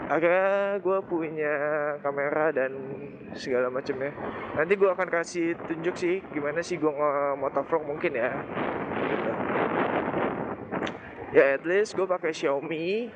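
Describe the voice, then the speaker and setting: A young man with a Jakarta accent chats away in loose slang, unable to roll his r, which comes out lisped. His voice sits a little high. It is captured through a muffled makeshift helmet mic, with heavy vehicle noise around him as he rides. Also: measured pace, long pauses. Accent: Jakarta Indonesian. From Indonesia. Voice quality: lisped r (cadel), cannot roll the r sound. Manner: chatty, slangy. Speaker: motovlogger. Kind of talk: casual rambling chat to viewers. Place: riding a motorbike outdoors. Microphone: cut-off earphone mic inside helmet.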